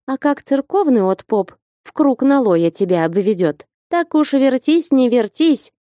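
Woman narrator voicing a sharp-tongued young schemer who lectures a timid man; warm low-bright tone, pitch jumping up. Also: dry recording, clean studio sound, lightly acted. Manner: scolding, commanding, rising to high pitch. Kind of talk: audiobook character reading.

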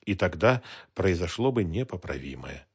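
A man with a fairly low voice narrating an audiobook. His reading is measured and dramatic, steady through the tense scene. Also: breathy edge. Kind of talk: scripted narration.

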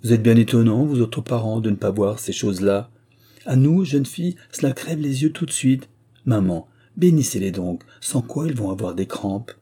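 A man voicing a frank, lively young woman who teases her parents in a storybook reading. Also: medium pitch, moderate pace, breathy edge. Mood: teasing.

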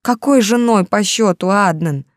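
A woman's voice: mid-range voice, unhurried, dry recording, clean studio sound, lightly acted. A woman voicing a desperate young heroine who longs for freedom and pleads in a raised, tearful voice. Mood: anguished.

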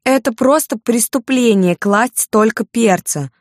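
A woman voicing a fussy, always displeased female guest with a squeaky, creaking voice and a scolding manner. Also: a little slow, dry recording, studio quality, lightly acted. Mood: indignant scolding. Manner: scolding, shrill and indignant.

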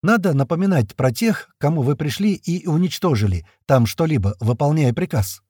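A man voicing a calm, composed colonel. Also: fairly high pitch, husky, dry recording, studio quality, voice pushed up. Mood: calm, persuasive. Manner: measured, persuasive, level-headed. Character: calm composed male colonel from another world.

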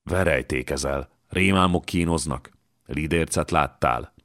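A man voicing a calm, curious young scholar who questions and explains. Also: rumbling low, no echo, studio quality.

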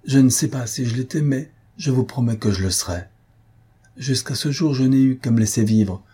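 A man's voice: mid-range voice, normal speed, mellow, breathy edge, pitched above the performer's own voice, natural voice. A man voicing an anxious young woman, a devoted daughter, in a pleading, rising tone. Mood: resolute.

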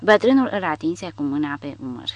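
Male audiobook narrator, steady and measured. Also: on the high side. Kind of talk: scripted narration.

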